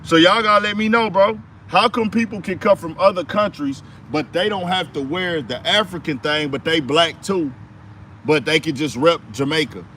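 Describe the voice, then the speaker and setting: A commentary host from the United States delivers an emphatic political monologue in slangy speech, firing off rhetorical questions. His voice is fairly high and sharp in tone, at a normal speed, with slight background noise.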